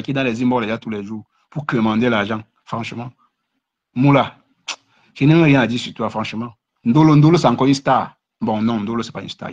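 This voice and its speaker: Husky male live streamer, mocking and repetitive, muffled lo-fi sound. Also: medium pitch. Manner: mocking, repetitive, stammering restarts. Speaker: live streamer commenting on other creators. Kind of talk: casual live-stream rant.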